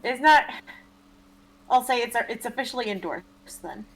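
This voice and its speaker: Woman, stream co-host, casual banter, giggly, swears freely, fairly high voice. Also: moderate pace, a bit bright. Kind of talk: casual chat on a live stream.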